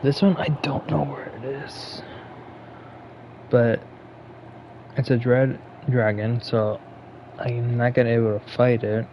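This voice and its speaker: Slow, mumbling gamer man. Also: mid-range voice, flat delivery, a little mellow, a little hiss or hum. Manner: muttering, thinking aloud. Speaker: gaming streamer. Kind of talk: casual gameplay commentary.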